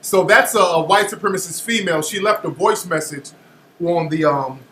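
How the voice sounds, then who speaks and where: A male host with a high, bright voice fires back at a clip he is playing, incredulous and challenging. He is recorded in an echoey room. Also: normal speed, slight background noise. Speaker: show host. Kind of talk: commentary reacting to a played clip.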